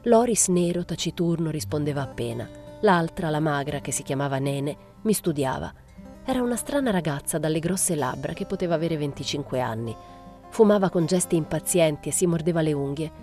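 A woman reading a novel aloud in a measured, plain literary way. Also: sits low, expressive, warm tone, faint music behind. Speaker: reader.

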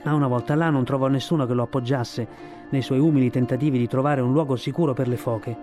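A man reading a storybook aloud for radio, in a steady, expressive storytelling voice. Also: mid-range voice, quick pace, soft background music. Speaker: reader.

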